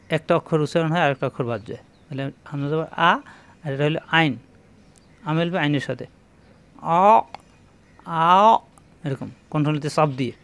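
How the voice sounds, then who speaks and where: A man's voice: fairly high pitch, clear, resonant tone. A man with a slightly raised voice leads a Quran reading lesson. He drags out each syllable and says the sounds again and again. He turns to his viewers with plain instructions. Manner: slow, drawn-out demonstration of letter sounds, repeating syllables; addresses viewers directly with instructions. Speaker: Quran recitation teacher.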